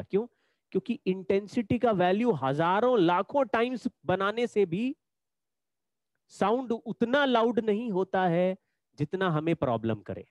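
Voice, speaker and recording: A man's voice: high voice, a little mellow, dry recording. A man teaching a physics lesson in an online class, explaining patiently and repeating the key points.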